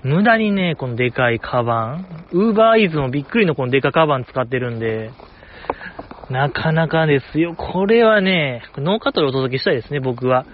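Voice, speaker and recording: A man's voice: fairly high pitch, expressive, brisk, slight background noise. A man hosting a casual solo talk show, rambling with chuckles and mock-formal asides. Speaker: podcast host. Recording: slightly dull, dry recording.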